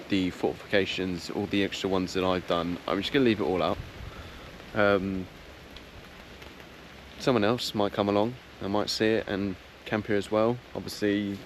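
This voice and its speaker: A man with a deep, low voice chats casually to his viewers as a solo camping vlogger. His delivery is understated and a little halting. The recording is outdoors in woodland, with noticeable ambient noise behind him. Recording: clearly noisy outdoor ambience.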